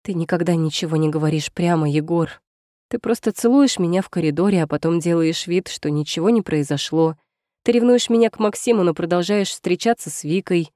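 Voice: mid-range voice, fairly quick, warm tone, no echo, natural voice. A reader voicing an angry young woman in an audiobook, heated and accusing, with a dry, close sound. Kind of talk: audiobook character reading.

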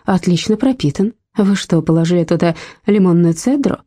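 Woman voicing anxious middle-aged mother, placating, polite, dark husky voice. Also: lowish voice, animated, normal speed.

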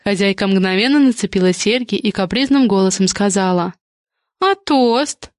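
A woman's voice: medium pitch, fairly quick, no echo. Woman narrating a story, dry close sound. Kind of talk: scripted audiobook narration.

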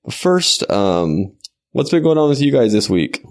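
A man hosting a casual podcast from a hotel bathroom, recording with a towel over his head and taking care not to be too loud. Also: mid-range voice, very animated, measured pace, creaky. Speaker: podcast host.

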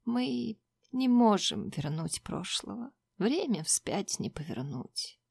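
A woman voicing a grieving older mother in an audiobook, speaking slowly in hushed, often whispered pleas. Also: mid-range voice, very animated, gravelly, husky, no room sound, clean studio sound, heavily acted. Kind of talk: audiobook reading.

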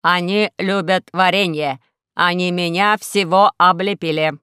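A woman voicing a gentle robot wardrobe, slow drawn-out speech, plaintive and ponderous, audiobook. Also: on the low side, fairly even intonation, smooth, no room sound, clean studio sound.

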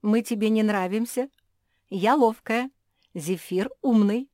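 A woman's voice: on the high side, slow pace, darkish tone, no echo, clean studio sound, voice pushed up. A woman voicing a plucky, frank young female dog who talks cheerfully and directly.

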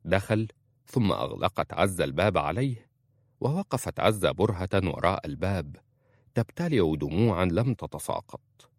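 A man giving measured, dramatic audiobook narration of a novel, recorded close on a dry studio mic. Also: low voice, lively intonation, no echo.

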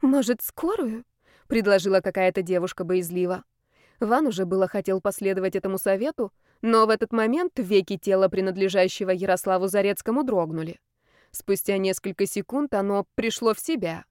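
A woman reading an audiobook in a steady narrating voice. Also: mid-range voice, fairly quick, smooth, no room sound, clean studio sound. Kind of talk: scripted narration.

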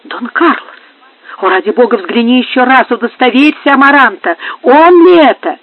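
A woman's voice: high-pitched, expressive, normal speed, dry recording. Woman reading as a trembling young countess. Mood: frightened. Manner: trembling, pleading. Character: young countess, torn and frightened. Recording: dry, phone-like narrow sound.

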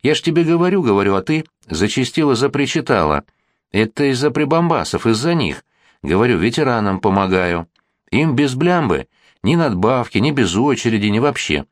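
In an audiobook, a man voices a chattering, plaintive woman artist who rambles and repeats herself, raising his pitch above his own natural voice. His mid-range delivery is sing-song at a normal speed and sounds natural. The recording is dry and studio quality.

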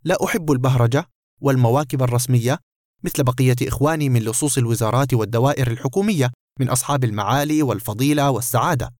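A man's voice: mid-range voice, very fast, no echo, studio quality, lightly acted. A man voicing a sneering, menacing burglar. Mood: boastful, sardonic. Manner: mocking, threatening. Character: sarcastic menacing male burglar, boastful.

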